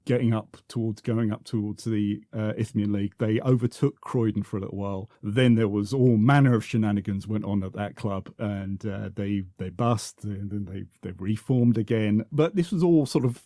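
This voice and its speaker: A man's voice: on the low side, steady tone, normal speed, hardly any pauses, dark tone, dry recording, clean studio sound. A man, reminiscing as a podcast guest, full of restarts and repeated words. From South London, England. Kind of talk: reminiscing conversational interview.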